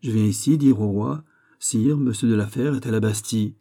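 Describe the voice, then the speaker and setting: A man reading an audiobook, voicing a grave, loyal musketeer captain who answers calmly and firmly. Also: lowish voice, normal speed. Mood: steady. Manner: calm, firm, quietly defiant.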